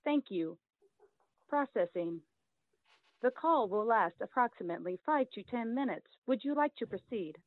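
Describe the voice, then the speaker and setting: Give me a dry, tinny robot phone-menu voice from a woman doing the impression, flat and formal. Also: on the high side, normal speed, dry recording, close to an everyday voice. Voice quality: flat, formal, clipped announcer prompts. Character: female automated phone-system robot voice, formal. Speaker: caller.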